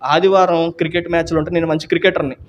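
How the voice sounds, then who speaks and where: A man's voice: on the high side, level tone, very fast, highs cut off, slight background noise. A man telling his personal salvation testimony in an earnest storytelling way, with frequent restarts and hesitations. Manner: earnest storytelling that acts out quoted dialogue.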